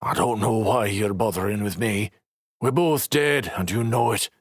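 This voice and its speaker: A man narrating an audiobook voices a bitter, injured male crew leader with a rough, growling, scornful delivery. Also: lowish voice, normal speed, dry recording, studio quality, voice pushed up. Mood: despairing.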